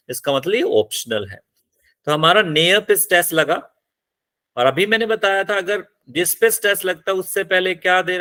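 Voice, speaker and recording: Male phonetics teacher, slightly high voice, patient repeated drilling. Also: fairly bright tone. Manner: drills words slowly, repeating each several times. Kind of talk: classroom-style lesson.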